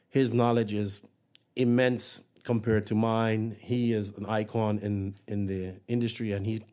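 Fairly low in pitch and darkish in tone, this man from Bermuda runs a hobby podcast. On his own, he chats casually and amiably, wandering from point to point with frequent fillers and restarts.

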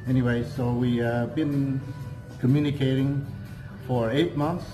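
A man's voice: mid-range voice, fairly even intonation, a little slow, rough recording. A man in his sixties, from Portugal and with a Portuguese accent, chatting as an interview guest in a hotel cafe, rambling with frequent hesitations and restarts. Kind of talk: casual interview chat. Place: hotel cafe with large windows, indoors. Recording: music playing under the speech. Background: music in the background.

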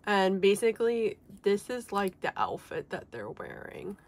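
Young woman with a gravelly, sick voice. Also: mid-range voice, sing-song, measured pace, darkish tone, slight background noise. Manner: chatty, many fillers like "like" and "um". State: sick, voice a little off. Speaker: K-pop collector vlogger. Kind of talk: casual unboxing chat.

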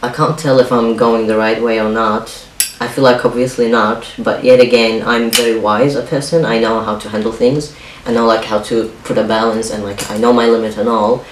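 Hesitant and quiet, a young vlogger whose first language is Arabic keeps restarting as he confides to his camera in a small home kitchen. He talks at a medium pitch in a level tone. That camera stands a few feet off, so his voice comes through distant and roomy over a faint hiss.

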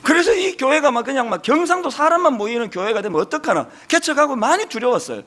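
A man's voice: very high-pitched, big pitch swings, quick pace, sharp tone. A middle-aged male pastor with a strong Gyeongsang Korean accent, preaching a sermon in an earnest, emphatic way. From Gyeongsang region, South Korea.

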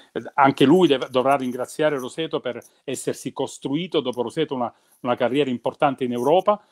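A man, a former basketball announcer, telling lively, emphatic stories in a relaxed chat. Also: medium pitch. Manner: animated storyteller, emphatic. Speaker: former team announcer and commentator. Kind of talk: reminiscing in casual chat.

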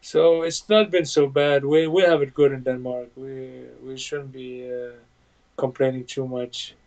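Bosnian man talking flat over a video call. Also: mid-range voice. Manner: plain halting speech with many fillers. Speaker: UFC fighter guest. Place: home room indoors. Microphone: video call webcam. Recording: dull lo-fi video call audio.

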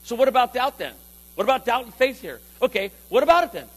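A male pastor with a very high, husky voice delivers a sermon. He is emphatic, repeats his key lines and keeps calling out for responses from the congregation. A faint mains hum sits under the voice. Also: big pitch swings, fast, a bit bright, poor audio.

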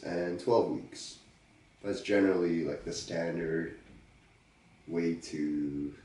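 A man's voice: sits low, reverberant, far from the mic, low-quality recording. A man hosting his own podcast while stuffed up from a cold, talking casually and joking as he answers listener questions. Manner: relaxed, joking, thinking aloud with pauses. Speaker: podcast host. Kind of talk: casual solo podcast talk.

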